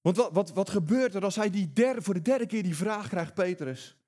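A man's voice: high-pitched, lively intonation, moderate pace, warm tone. A man preaching a sermon, emphatic and often repeating words as he builds his points.

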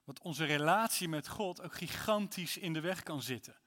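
A man's voice: a little high, animated, moderate pace, sharp tone, in a large hall. A man preaching a sermon in church, reading psalms aloud with rising intensity. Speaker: pastor.

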